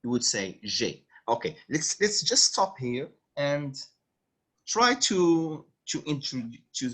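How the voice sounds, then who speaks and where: Moroccan guy teaching french online, slow and patient, kinda husky, pitch jumps around a lot. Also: fairly bright tone. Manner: patient, repeats words slowly for the learner. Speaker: French tutor. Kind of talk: online one-on-one language lesson.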